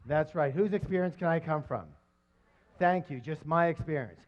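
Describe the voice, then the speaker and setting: Energetic man presenting a live seminar. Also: fairly high pitch, normal speed. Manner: energetic, quizzes the audience. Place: stage before a live audience. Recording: dull lo-fi recording.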